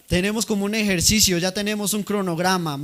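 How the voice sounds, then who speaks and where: Male preacher, slightly high voice, chatty sermon delivery to a congregation. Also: steady tone, brisk, fairly bright tone. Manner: conversational preaching, asks the congregation questions.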